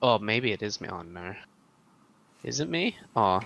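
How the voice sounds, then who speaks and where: A man's voice: lowish voice, very animated, a little slow, gravelly, a bit bright, muffled recording. A man joining a casual podcast as a guest over a glitchy video call, joking and laughing a lot. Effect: glitchy robot-like call audio.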